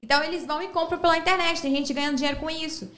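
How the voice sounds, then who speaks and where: A young woman tells her stories fluently and quickly in a high voice. She is a talk show guest, heard in a roomy studio. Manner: fluent, lively storyteller. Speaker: guest entrepreneur. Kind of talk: casual talk show chat.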